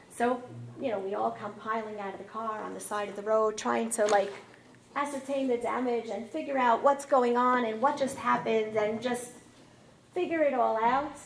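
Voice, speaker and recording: A high-pitched woman in her thirties tells a personal story, heard from a distance in a roomy space with faint ambience behind her. She talks in a lively way and acts out the quoted lines in a raised, excited voice. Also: creaky, a little hiss or hum. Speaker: mother recounting a car accident.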